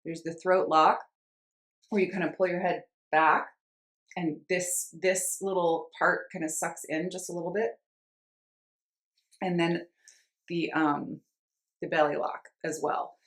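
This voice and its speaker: Low female voice, slow measured delivery, informal yoga instruction, roomy echo. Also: steady tone. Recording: roomy, echoing sound.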